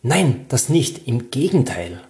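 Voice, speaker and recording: A man's voice: on the low side, animated, a little slow, a little mellow. Flustered gossiping man, read by a man. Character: agitated male gossip, hesitant when questioned.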